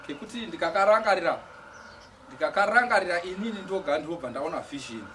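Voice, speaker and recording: A man giving a church testimony, speaking haltingly and with feeling, often restarting words. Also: sits high, expressive, bright, forceful tone. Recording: distant mic with faint outdoor noise.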